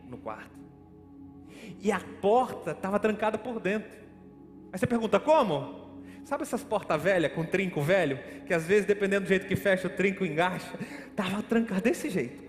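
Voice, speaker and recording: A Brazilian man preaching a sermon, telling a personal story with dramatic re-enactment and calling listeners brother. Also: high-pitched. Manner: dramatic storytelling, acts out his own panic; addresses listeners as brother, asks questions. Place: church hall, streamed online. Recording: echoey hall with faint music.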